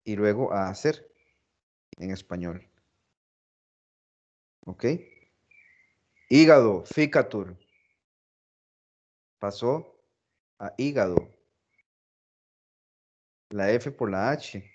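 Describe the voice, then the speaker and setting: A man teaching a philology class, explaining slowly, repeating phrases and stressing example words. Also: lowish voice, lively intonation, a little mellow, highs cut off. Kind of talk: recorded class lecture.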